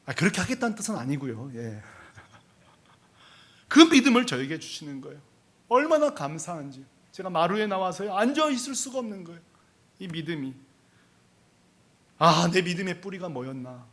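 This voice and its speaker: A man's voice: high voice, very animated, normal speed, long pauses, a bit bright. A male pastor giving a sermon, telling a personal story in a confessional way and building to fervent emphasis.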